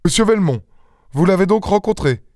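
A man reading the part of an anxious gentleman who is easily amazed and full of questions. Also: high voice, animated, normal speed, dry recording, clean studio sound, voice pushed up. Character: anxious, astonished gentleman, middle-aged man. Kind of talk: audiobook character voice.

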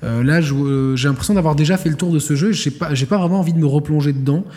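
Male gaming-podcast co-host, rambling, filler-heavy, dark tone, hall reverb. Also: a little high, quick pace. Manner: rambling, many fillers and restarts. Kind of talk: casual gaming podcast chat.

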